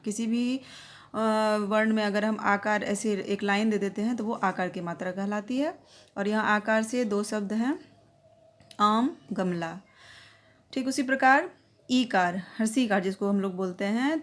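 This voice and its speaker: A young woman teacher explaining a grammar lesson to young children, patiently checking in with tag phrases. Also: mid-range voice.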